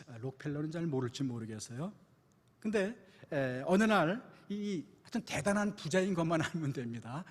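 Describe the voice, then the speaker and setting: A male pastor preaching a sermon in a church, often putting rhetorical questions to the congregation. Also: a little high. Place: church sanctuary. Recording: long church hall reverb.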